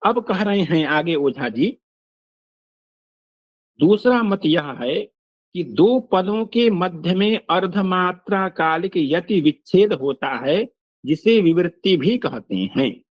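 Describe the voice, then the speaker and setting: An older man lectures on phonetics in an unhurried, deliberate way, his voice sitting fairly high for a man. He stops often to recite verses and word examples. The recording is dry and slightly dull, with a lo-fi edge. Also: lively intonation, dry recording. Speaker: Sanskrit phonetics teacher. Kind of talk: lecture explaining a text line by line.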